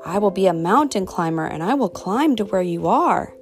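A woman reading aloud, voicing a patient, loving mother rabbit in a storybook in a calm, steady, reassuring manner. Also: medium pitch, normal speed, soft background music, lightly acted.

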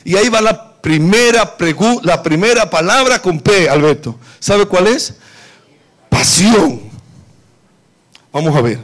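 A man preaching a sermon with passion, repeating words and rising from quiet reading to shouts. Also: sits high. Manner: impassioned, repeats words, swings from soft to shouting.

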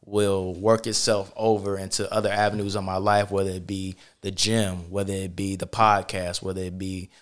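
A podcast host from Charlotte, North Carolina, talks in a low voice with flat delivery at a moderate pace, barely pausing. His casual conversation is loose and easygoing, packed with fillers and affirmations.

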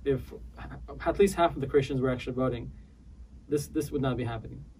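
A man from the former Soviet Union, a podcast guest, speaking earnestly and haltingly with many restarts. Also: mid-range voice, darkish tone, far from the mic, slight background noise, poor audio. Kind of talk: casual interview chat.

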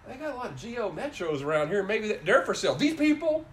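A man's voice: high-pitched, very animated, fast talker, a little hiss or hum. A man in casual chat, telling a rambling, profane story with lots of laughter.

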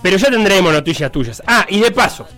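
Animated Rioplatense man, playful sports banter. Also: high-pitched, a little fast. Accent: Rioplatense Spanish. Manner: playful, jokey, animated storytelling. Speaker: co-host. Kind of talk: comedic sports talk.

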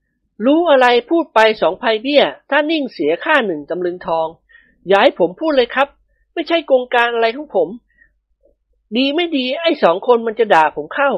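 A woman reading the lines of a playful young husband who is embarrassed and teasing, in a lively audiobook voice. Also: fairly high pitch, moderate pace, no room sound, dull audio, voice pushed up. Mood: evasive teasing.

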